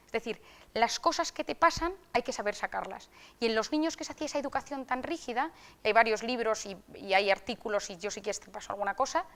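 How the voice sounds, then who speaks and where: Fast-talking woman, high and animated. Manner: animated storytelling, acts out quoted voices. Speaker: psychiatrist speaker. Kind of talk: conversational talk answering audience questions.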